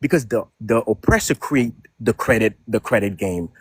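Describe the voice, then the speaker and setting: A man's voice: on the low side, lively intonation, normal speed, slightly rough, no echo, clean studio sound. A man calling in to a stream and talking in an earnest, insistent way. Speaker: caller. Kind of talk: casual call-in talk.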